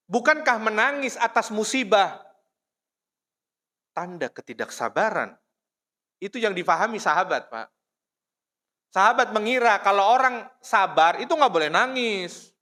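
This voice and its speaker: High, bright-voiced male preacher. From Indonesia. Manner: storytelling, addresses listeners as "Pak", frequent "ya". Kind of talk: mosque study lecture. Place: mosque.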